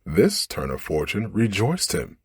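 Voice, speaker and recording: Close-miked with no room sound, this ASMR bedtime story is told by a man whose voice is low and very breathy. He keeps a measured pace while his expressive reading moves across a wide melodic range.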